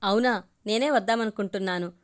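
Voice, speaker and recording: A woman reading the lines of a gentle, shy young woman in an audio story, speaking softly. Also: medium pitch, brisk, natural voice.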